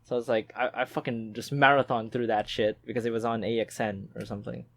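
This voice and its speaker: A man's voice: medium pitch, fast, gravelly. A young man from the Philippines co-hosting a podcast, chatting casually and laughing as he swears through his stories. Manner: laughing, swearing, animated banter. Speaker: podcast co-host. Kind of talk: casual chat.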